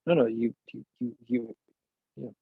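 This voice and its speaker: Man, philosopher guest, husky voice, dry close sound, halting restarts. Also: medium pitch, dry recording, narrow, tinny audio. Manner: searching, halting phrasing with many restarts and laughs. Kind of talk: reflective interview conversation.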